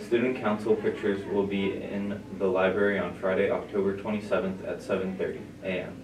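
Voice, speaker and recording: A man with a very low voice reads school announcements in a steady, plain manner. He is heard through a loudspeaker that sounds far off, with a roomy echo around the words. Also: a little fast, over music. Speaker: student announcer. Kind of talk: reading morning school announcements.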